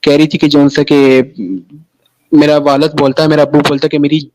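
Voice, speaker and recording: Speaking a little fast in a slightly high, monotone voice with a darkish tone, a Pakistani man recounts his life story as an interview guest. His telling is rambling, full of restarted phrases and the repeated tag "sahi hai na," and the recording quality is rough.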